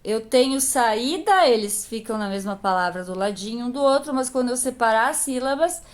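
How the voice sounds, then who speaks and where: A woman's voice: a little high, lively intonation, moderate pace. A woman teacher patiently explaining a grammar lesson to young pupils, asking questions and answering them herself. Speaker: primary school teacher.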